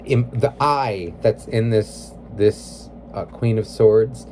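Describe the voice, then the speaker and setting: A man's voice: fairly low pitch, takes it slowly, a little mellow, slight background noise. A man giving a casual tarot reading, rambling with many "like"s and "you know"s, blunt and emotionally invested. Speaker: tarot reader.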